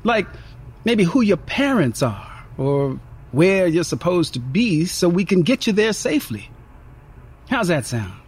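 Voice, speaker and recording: A man's voice: high-pitched, very animated, unhurried, slightly rough, exaggerated voice. A man voicing a friendly young woman diner waitress with a faint Southern twang, chatty and teasing. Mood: coaxing.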